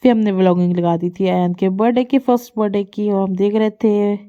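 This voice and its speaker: A woman's voice: medium pitch, fairly even intonation, fairly quick, clear, resonant tone, dull audio. A woman vlogger and mother chatting doting, rambling voice-over narration about her children's antics. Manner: chatty, doting, repeats herself as she narrates family clips. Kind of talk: casual vlog voice-over narration.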